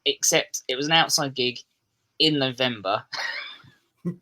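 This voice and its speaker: A man from southeast England with an English accent guests on a casual podcast chat, speaking at medium pitch and a slow pace. A metal musician, he rambles, restarts sentences, and uses self-deprecating humour in a bright-toned delivery.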